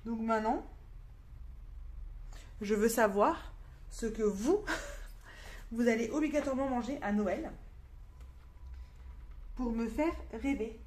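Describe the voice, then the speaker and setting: A woman's voice: a little high, slow, pauses often, darkish tone, slight background noise. A young French woman chatting casually in a coloring vlog, with lots of fillers and restarts. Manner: mutters counts half-whispered to herself. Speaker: coloring vlogger. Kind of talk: casual chat while coloring.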